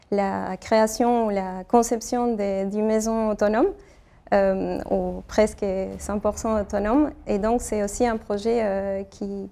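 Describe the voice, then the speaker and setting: Woman, 30s, interview answers, level even tone, halting with fillers. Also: medium pitch. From Argentina. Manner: hesitant, many fillers and restarts. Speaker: architect interviewee.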